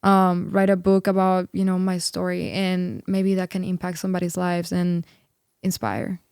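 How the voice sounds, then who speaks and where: Speaking as a guest in a casual interview, this Peruvian singer and worship leader in her twenties is earnest and upbeat, peppering her talk with "like" and "you know." Her voice is smooth, clear, and fairly low, holding a fairly even tone at a moderate pace. The studio recording is dry and clean.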